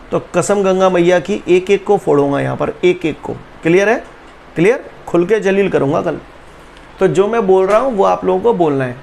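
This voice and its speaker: High-pitched, gravelly-voiced physics teacher. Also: male voice, a little hiss or hum. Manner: teasing, repeats questions to students, drills chants. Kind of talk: online class lecture.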